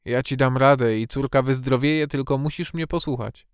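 A man's voice: medium pitch, steady tone, normal speed, clear, resonant tone, dry recording, studio quality, close to an everyday voice. A man voicing a mysterious wandering fortune-teller woman. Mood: soothing. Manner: soothing, reassuring instructions.

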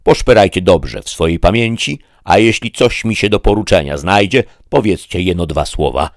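A man's voice: low voice, normal speed, dry recording, clean studio sound, pitched above the performer's own voice. A man voicing a pompous, deluded old knight who speaks in a grandiloquent, declamatory way. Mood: solemn lofty.

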